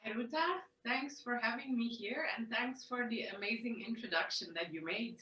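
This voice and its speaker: Woman guest, bright voice, roomy distant sound. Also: fairly high pitch, moderate pace, muffled recording. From Switzerland. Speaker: interview guest and online money coach. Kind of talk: casual interview storytelling.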